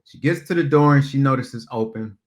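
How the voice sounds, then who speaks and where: A man's voice: medium pitch, a little fast. A man vlogger telling a story casually, laughing often and using slang.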